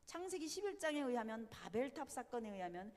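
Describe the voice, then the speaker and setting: A woman giving a Bible study lecture, animated and emphatic, often putting rhetorical questions to her listeners. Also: a little high, a little fast, long reverb tail.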